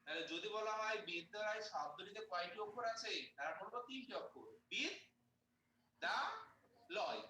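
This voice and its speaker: A male teacher giving a grammar lesson, explaining step by step and spelling out sounds slowly. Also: sits high, sharp tone. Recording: echoey room, mic far off, faint noise.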